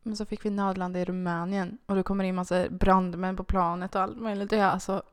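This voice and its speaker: A young woman chats casually on a podcast and tells a story, slipping into little performances of what everyone said. Her voice is smooth and clear, and the sound is dry and close. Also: mid-range voice, no room sound. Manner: animated, acts out quoted dialogue with "jag bara". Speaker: podcast co-host.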